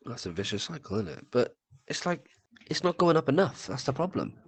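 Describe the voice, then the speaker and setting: There's a breathy edge to this man's brisk, sing-song, mid-range voice. He co-hosts a podcast while sick with a cold, chatting casually in a rambling way, swearing and tripping over repeated words.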